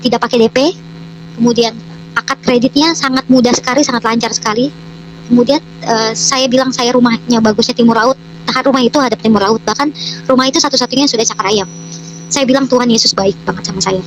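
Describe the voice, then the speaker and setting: Woman guest telling her testimony, lots of uh fillers, quick, noisy humming audio. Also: fairly high pitch, steady tone. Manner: hesitant, many fillers, re-enacts her own prayers. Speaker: guest giving a conversion testimony. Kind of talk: personal testimony storytelling. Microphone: microphone she can move away from. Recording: noisy line with mains hum.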